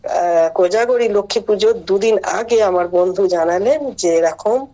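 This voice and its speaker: A middle-aged woman giving a halting, earnest personal account as a devotee over a video call. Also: mid-range voice, warm tone. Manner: halting, earnest storytelling with pauses. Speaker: devotee sharing her experience. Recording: muffled online call audio.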